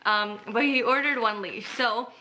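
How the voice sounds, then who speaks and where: A young woman's slightly high, pushed, bright voice moves at a moderate pace as she chats upbeat and filler-heavy in a casual vlog. Shot close on a handheld camera in a shopping mall and her living room, the recording is rough, with some hiss or hum.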